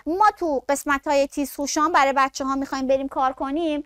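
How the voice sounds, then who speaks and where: A woman gives a classroom science lecture in a fairly high voice. She asks questions, answers them herself, and calls her students by fond names. The recording is close and dry with no room sound. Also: steady tone, no echo. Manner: addresses students affectionately. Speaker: science teacher.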